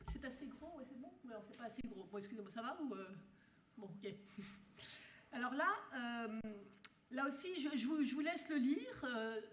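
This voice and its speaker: A woman giving a university lecture. She talks in halting bursts with many restarts and puts rhetorical questions to her audience. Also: fairly high pitch, a little hiss or hum. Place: lecture hall. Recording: roomy hall sound.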